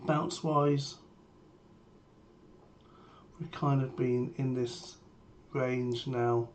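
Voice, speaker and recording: Male trader for live market commentary, voice strained by a sore throat, mid-pitched and level, brief and matter-of-fact, faint noise and typing behind. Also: very slow. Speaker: trader sharing a premarket plan. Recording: steady background noise, keyboard typing.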